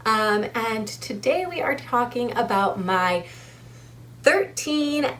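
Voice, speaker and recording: A woman's voice: a little high, sing-song, slow pace, a bit bright, a little hiss or hum. A young adult woman talking casually to camera as a vlogger, chatty with frequent ums and a little short of breath. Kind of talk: casual vlog talk to camera.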